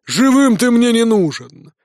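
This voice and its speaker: Man doing a menacing old battle mage, snarling threats, altered timbre, high voice, dry sound. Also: sing-song, unhurried, darkish tone, no room sound, heavily acted.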